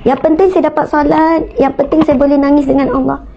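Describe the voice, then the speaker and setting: A poor, devout and grateful young mother with a Malaysian Malay accent speaks humbly and earnestly, as a woman preacher quotes her. The voice sits high and pleading. The recording is dull and lo-fi. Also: flat delivery, brisk, slight background noise.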